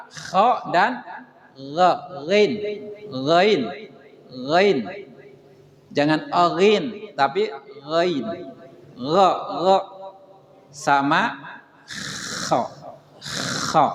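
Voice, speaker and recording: High-voiced man drilling recitation slowly. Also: a bit bright. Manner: slow, drills syllables over and over for a group to repeat. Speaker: Quran recitation teacher. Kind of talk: Quran tajwid lesson with call-and-repeat drills. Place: mosque hall. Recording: echoey mosque hall.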